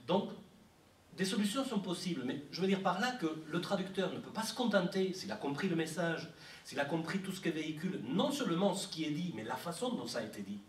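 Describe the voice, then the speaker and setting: Animated male lecturer in an echoey room. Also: a little high, a little hiss or hum. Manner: animated, repeats himself, many fillers. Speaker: translation lecturer. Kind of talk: university lecture. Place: university library lecture room. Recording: echoey room, mic from far off.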